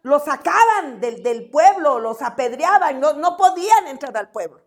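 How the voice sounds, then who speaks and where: A woman teaching a church Bible class in a lively way, asking the class questions and acting out quotes. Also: high voice, normal speed. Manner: animated, asks the class questions, acts out quotes.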